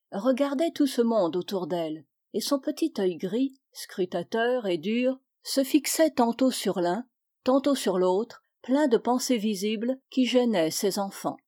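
A woman reads a classic tale aloud in a measured, expressive way. Her voice sits a little high. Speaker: reader. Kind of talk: literary reading aloud.

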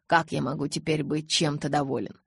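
A woman's voice: flat delivery, brisk, vocal fry, husky, no room sound, studio quality, heavily acted. A woman reading an audiobook, voicing a brooding young male vampire who speaks in a cold, clipped way. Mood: gloomy. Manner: icy, clipped, low-spoken.

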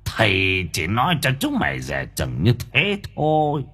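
A man voicing a cryptic old spirit master in an audiobook, speaking in slow, drawn-out pronouncements. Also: lowish voice, huge pitch swings, pushed and bright, breathy edge, full character voice. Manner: slow, drawn-out sage pronouncements with sudden chuckles.

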